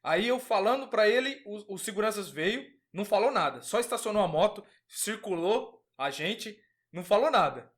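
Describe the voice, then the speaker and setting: A man's voice: high-pitched, animated, normal speed, few pauses, a bit bright. A man casually telling a personal religious testimony, earnest, acting out the dialogue as he goes. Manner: earnest storytelling, acts out quoted dialogue. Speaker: podcast guest giving testimony.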